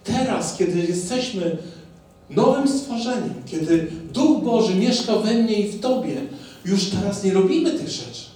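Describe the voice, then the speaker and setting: A man with a high, mellow voice preaches slowly to his congregation in a church hall. He keeps throwing rhetorical questions at the listeners and draws call-and-response replies. The sound is very echoey and picked up from a distance. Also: animated. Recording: very echoey, from far off.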